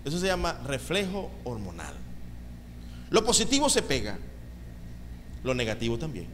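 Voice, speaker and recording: A male pastor preaching a sermon with animated delivery and calls of amen, recorded in a church sanctuary. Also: medium pitch, moderate pace, a little hiss or hum. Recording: reverberant hall with faint ambience.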